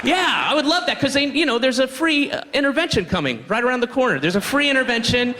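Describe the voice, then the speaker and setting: A man's voice: very high voice, lively intonation, quick pace, sharp tone, in a large hall. A man doing a rambling stand-up comedy set, slipping in and out of mocking voices.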